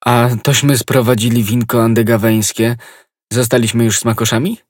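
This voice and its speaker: A man's voice: medium pitch, flat delivery, moderate pace, dry recording, studio quality, lightly acted. A man reading an audiobook, voicing a hearty, carefree musketeer who talks in a jovial, blunt way.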